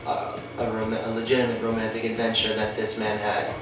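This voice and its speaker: A man's voice: lowish voice, completely flat delivery, a little fast. Joking man from Long Island, echoey. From Long Island, New York. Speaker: drummer. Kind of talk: casual interview. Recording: echoey room from far off, music behind.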